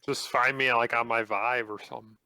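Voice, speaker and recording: A man co-hosting a casual gaming podcast, making deadpan wisecracks. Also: mid-range voice, fairly quick, no room sound. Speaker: podcast co-host. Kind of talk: casual chat.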